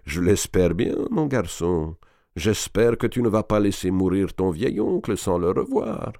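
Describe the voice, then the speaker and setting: A man's voice: low voice, gravelly, no echo, studio quality, heavily acted. Man doing a shrewd old banker uncle. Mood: dry. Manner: slow, measured, calm.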